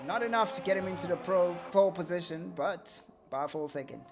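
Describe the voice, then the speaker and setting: A man giving casual, jokey live commentary on a sim racing league, chatting with stream viewers and getting excited during race action. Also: sits high, fairly quick, over music.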